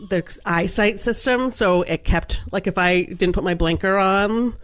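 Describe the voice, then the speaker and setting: A woman's voice: mid-range voice, a little slow. A woman co-hosting a podcast, chatting casually and retelling a story with lots of quoted back-and-forth. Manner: chatty, animated retelling with quoted dialogue and frequent "like". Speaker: podcast co-host.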